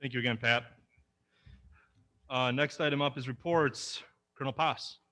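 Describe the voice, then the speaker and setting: A man chairing a school board meeting, reading procedural items in a brisk, businesslike way. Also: mid-range voice, steady tone, bright, forceful tone.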